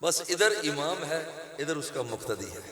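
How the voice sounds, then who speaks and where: A male preacher with a Pakistani Urdu accent delivering an impassioned sermon, building rhythmic repeated phrases to loud peaks. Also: fairly high pitch, big pitch swings, moderate pace. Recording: echoey hall with long reverb.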